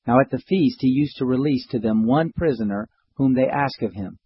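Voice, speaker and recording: A man reads scripture aloud in a steady, measured way, his voice falling softer at the close of phrases. His tone is husky and sits at an ordinary pitch. The recording is slightly dull and lo-fi. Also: no room sound. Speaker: scripture reader.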